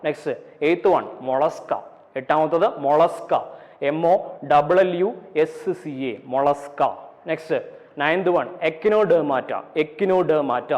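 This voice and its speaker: A man with a Malayali accent teaches a class in a fairly high voice, repeating himself and spelling words out letter by letter. He slows right down to dictate definitions. The audio is dull and carries a long echo. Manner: repetitive, asks and answers his own questions, spells terms letter by letter. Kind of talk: classroom lecture.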